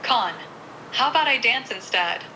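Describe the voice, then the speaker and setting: A woman's voice: fairly high pitch, normal speed, a little hiss or hum, rough recording. A woman's synthetic voice as a chatty desk-robot assistant. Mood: playful. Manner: polite, lightly joking, smooth even delivery. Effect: synthetic text-to-speech robot assistant voice. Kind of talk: device voice assistant replies.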